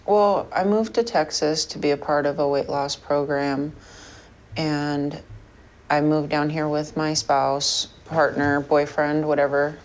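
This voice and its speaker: A woman's voice: deep voice, steady tone, unhurried, a little hiss or hum. A woman from Portland, Oregon, speaking candidly in a reality show confessional. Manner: candid, downbeat. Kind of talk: confessional interview.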